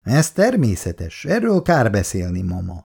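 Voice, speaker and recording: A man voicing a calm, reassuring grown son who is kind to his parents. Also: lowish voice, creaky, breathy edge, heavily acted.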